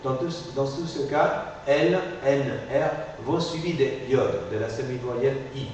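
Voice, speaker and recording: A male phonetics teacher explains step by step, pausing often to ask "ok?". He sounds far from the mic, with a long, ringing room echo. A faint hiss sits under the voice. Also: medium pitch, a little mellow. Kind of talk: classroom lecture. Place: classroom.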